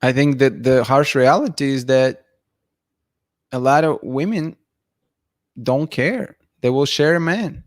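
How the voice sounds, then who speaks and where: A hoarse man in his thirties, losing his voice and clearing his throat, hosts a casual livestream from a dim room at night, bluntly giving opinions as he reads chat comments. He thinks aloud and restarts sentences, speaking slowly with long pauses in a middle pitch. A studio mic in front of him captures him close and dry, with no room sound.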